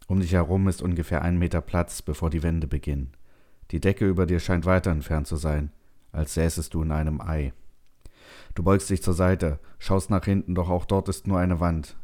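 Deep, dark-voiced male narrator. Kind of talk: second-person sci-fi audiobook narration.

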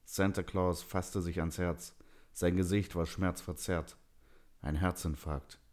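A man narrating a dramatic Christmas story as an audiobook, steady and storytelling. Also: low voice, takes it slowly.

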